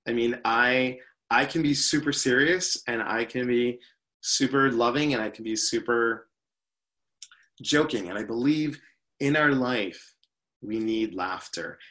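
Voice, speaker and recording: A man's voice: medium pitch, a little slow, sharp tone. A man speaking as an interview guest, an upbeat workshop leader who often says "you know".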